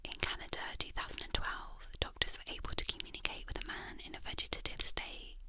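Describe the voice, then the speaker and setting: Someone whispering closely, right in the listener's ear, reading facts in a measured ASMR style into a binaural microphone. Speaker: ASMR narrator.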